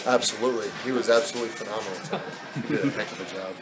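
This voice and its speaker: A man's voice: lowish voice, racing, a crowd in the background, rough recording. A man in his thirties, a basketball head coach, talking candidly with many fillers in a postgame press interview. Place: indoor press backdrop at an arena.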